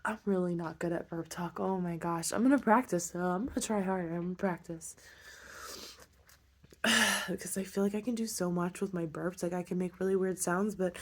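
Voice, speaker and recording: A woman's voice: lowish voice, steady tone, moderate pace. A woman chatting informally and self-deprecatingly to viewers as host of her own video. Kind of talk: casual chat to viewers.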